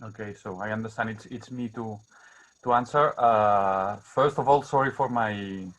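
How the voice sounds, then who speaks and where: A man with a Catalan accent speaks halting, non-native English, searching for words and repeating himself as he talks informally about his writing. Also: on the low side, steady tone, fairly bright tone. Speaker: guest poet. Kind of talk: informal talk about own writing at an online book launch. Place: remote video call. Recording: dull, muffled video-call audio.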